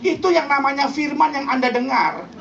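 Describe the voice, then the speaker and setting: High-voiced woman preaching to a congregation. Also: normal speed, a little hiss or hum. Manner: animated, jokey, mimics voices for effect. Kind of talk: lively sermon with acted-out quotes. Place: church hall before a congregation. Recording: distant, dull live church recording.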